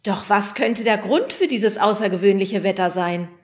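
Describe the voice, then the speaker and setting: A woman's voice: medium pitch, normal speed, darkish tone, lightly acted. A woman voicing a zany male TV weatherman who announces everything theatrically. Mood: showy.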